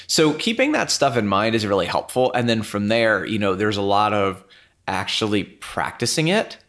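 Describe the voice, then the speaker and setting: Low-voiced man co-hosting a casual podcast. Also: normal speed. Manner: relaxed, rambling, many fillers. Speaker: podcast co-host.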